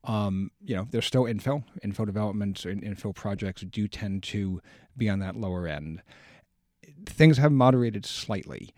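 Low-voiced, dry-sounding radio analyst man. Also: warm tone, dry recording. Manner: measured, explanatory, stumbles on restarts. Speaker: in-studio guest analyst. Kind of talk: radio talk commentary. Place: radio studio.

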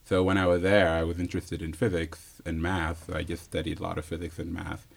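Deep gravelly man from Senegal. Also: monotone. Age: 30s. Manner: easygoing, pausing with fillers, chuckles often. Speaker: interview guest, physicist. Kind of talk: casual interview answers.

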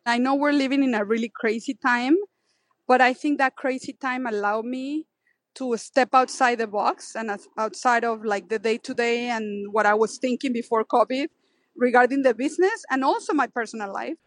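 A woman in her thirties, a business owner in an interview, talking excitedly and tumbling over repeated words. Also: a little high, moderate pace, no echo. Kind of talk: interview answers.

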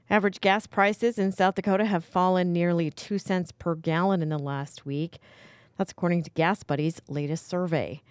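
American woman newsreader, lowish and dry. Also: darkish tone, no echo. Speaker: radio news anchor. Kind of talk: scripted radio newscast.

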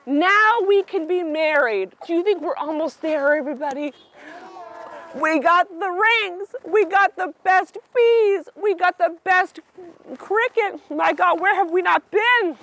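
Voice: very high-pitched, a little slow, a bit bright. A drag queen reading to preschoolers in a sassy, campy, theatrical way, tossing exclamations and questions out to the listeners. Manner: theatrical, exclamatory, prompts the audience to call back. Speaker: storytime reader and performer for preschoolers. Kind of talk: animated children's read-aloud with audience questions.

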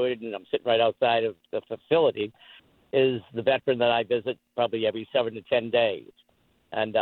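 A man's voice: mid-range voice, no echo. Man calling in over a tinny phone line. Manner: rambling, many pauses and fillers. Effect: heard over the phone. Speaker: call-in caller.

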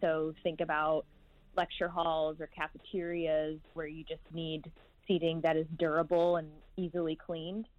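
A woman's voice: low-pitched, little pitch movement, a little slow, phone-quality sound. A woman co-hosting a podcast, explaining in an easygoing narrative way. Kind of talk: casual narration.

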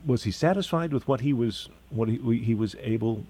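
A man's voice: medium pitch, normal speed, dark tone, slightly rough. A man interviewing an author on the radio, stumbling and repeating words as he asks his questions.

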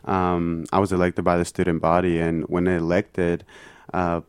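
A young man, a student guest speaking earnestly in an interview, halting often with fillers. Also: low-pitched, monotone, clear, resonant tone, no echo. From Mexico.

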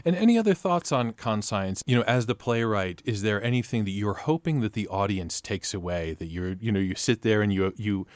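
Low-voiced man asking thoughtful questions. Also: lively intonation, fairly quick, hardly any pauses, no echo. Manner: thoughtful, asks long layered questions. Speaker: interviewer. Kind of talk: interview conversation.

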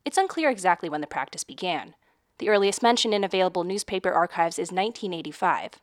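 A woman's voice: lowish voice, lively intonation, fast, no room sound, clean studio sound. A woman radio host reading scripted explanatory narration for a public radio podcast.

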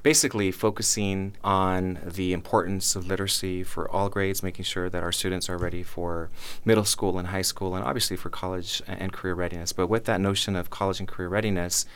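A man speaking as an interviewed schools official, earnest and measured, often repeating words for emphasis. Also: sits low, fairly even intonation, fairly bright tone, clear, resonant tone. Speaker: county schools superintendent being interviewed. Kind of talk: prepared interview answers.

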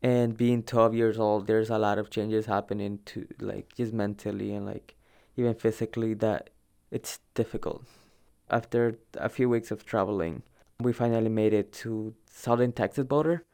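A young adult man from El Salvador, a native Spanish speaker, tells the informal story of his own migration in a conversational, slightly hesitant way. His fairly low voice is clear, smooth, steady, and darkish, at a moderate pace, and he often doubles words for emphasis.

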